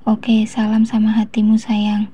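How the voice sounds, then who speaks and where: A woman reading as a flustered young man, breathy and flat. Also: mid-range voice, a little slow. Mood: teasing. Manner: flustered, rambling, teasing. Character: panicky young man, lovestruck fiancé.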